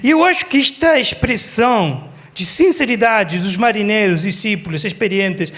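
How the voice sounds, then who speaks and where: High-voiced pastor preaching. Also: male voice, normal speed. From Argentina. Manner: lively storytelling, acts out quotes for laughs. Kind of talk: sermon. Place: church service.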